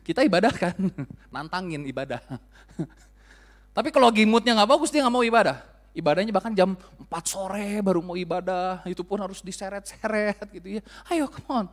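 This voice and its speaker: A man's voice: sits high, expressive, moderate pace. Playful male pastor preaching casually. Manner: casual, joking, acts out quoted scoldings. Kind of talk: sermon.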